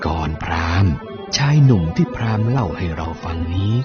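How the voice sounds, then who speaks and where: A man acting a deep-voiced wise teacher. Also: animated, brisk. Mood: calm, questioning. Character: calm, wise male spiritual teacher. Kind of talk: dramatised story acting. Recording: dull lo-fi audio with clear music behind.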